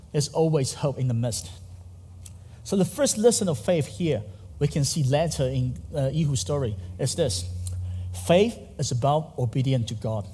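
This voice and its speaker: On a church stage hung with dark curtains, a Taiwanese man delivers an earnest sermon, gesturing as he speaks. His voice is fairly high and mellow with a breathy edge, and the large hall adds a long reverb.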